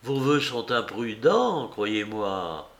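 A man reading a novel aloud voices a proud young woman who hurls bitter, vehement accusations, slowly and with a creaky grain. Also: on the low side, sing-song, a bit bright, exaggerated voice. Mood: scornful, indignant. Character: proud, scornful young woman, furious heiress.

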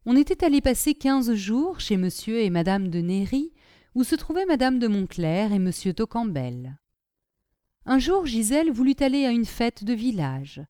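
Woman, audiobook narrator, animated intonation, dry close recording. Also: medium pitch, no room sound. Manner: expressive storytelling.

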